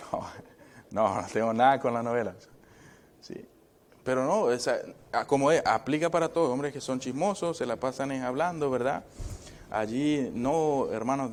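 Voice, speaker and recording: A male pastor delivers a sermon in a chatty, back-and-forth way, constantly tossing short questions to his listeners. His voice sits at an ordinary middle pitch. Joking asides come through now and then. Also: slight background noise. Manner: conversational preaching, constant checking questions to the congregation. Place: church.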